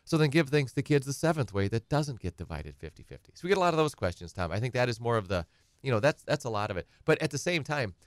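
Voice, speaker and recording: A middle-aged guest attorney explains estate planning on a talk show in a rambling, conversational way, acting out his clients' questions. His mid-range voice is very animated, and he talks fast. The clean studio sound has no room sound.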